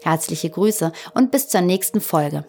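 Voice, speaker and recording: A woman with a slightly lower voice reads a prepared script for her podcast. Her delivery is calm and measured. It has a soothing, unhurried evenness. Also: soft background music. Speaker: podcast host. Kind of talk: scripted narration.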